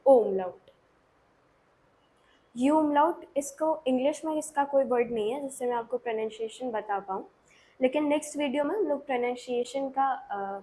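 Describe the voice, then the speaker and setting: A woman's voice: high-pitched, dark tone. A woman with an Indian accent teaching a beginner language lesson, explaining patiently step by step and checking in often.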